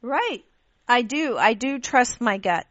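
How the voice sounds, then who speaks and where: A woman from Pakistan hosting a radio interview, telling stories in an animated way with frequent restarts. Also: a little high, slow pace, dry recording. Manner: animated storytelling with laughs and restarts. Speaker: radio show host. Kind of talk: casual interview chat. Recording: dull lo-fi radio audio.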